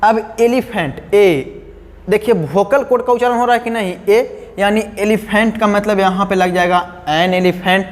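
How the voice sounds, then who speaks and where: A male teacher, giving a grammar lesson step by step and often asking his students questions. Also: high voice. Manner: explains step by step, repeats key words, asks the class questions. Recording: long hall reverb.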